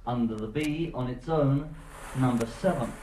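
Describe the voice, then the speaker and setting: A man's voice: medium pitch, a little mellow. Echoey male bingo caller, teasing patter. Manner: teasing showman, pausing for suspense. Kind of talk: bingo calling, drawn-out patter with number nicknames and repeats. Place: ship lounge with an audience. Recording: echoey lounge, far mic, crowd noise.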